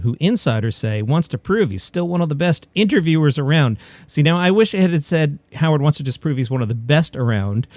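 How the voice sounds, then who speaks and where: A man with a voice on the high side and a darkish tone hosts a partly scripted comedy news podcast. He reads out stories and layers on wry, opinionated asides, with no echo in the recording.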